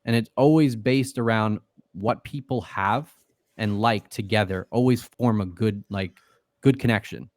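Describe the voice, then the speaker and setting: A man with a fairly low, darkish voice speaks a little slowly as a guest on a podcast, keeping it casual, profane, and heavy on fillers. The clean studio recording has no echo.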